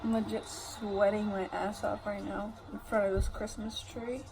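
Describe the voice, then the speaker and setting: A woman's voice: mid-range voice, flat delivery, moderate pace, over music. A young woman giving a casual makeup tutorial, rambling in a loose, slangy, drunk way. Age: young adult. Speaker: makeup vlogger. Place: living room at home, indoors. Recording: noisy home room recording.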